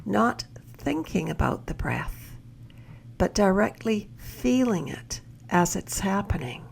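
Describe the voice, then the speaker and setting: A woman acting as a mindfulness mentor leads a guided meditation in a mid-range voice that swings widely in pitch. She gives gentle, measured instructions, finishing phrases softly and breathily.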